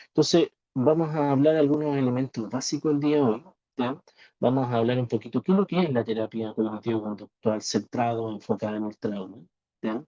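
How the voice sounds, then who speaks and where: A man's voice: medium pitch, darkish tone, no room sound. Male instructor, online class; distorted semi-robotic audio, muffled and dry. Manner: explaining, with frequent tag questions. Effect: distorted, half-robotic audio. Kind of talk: online lecture. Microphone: video call. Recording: dull lo-fi video call audio.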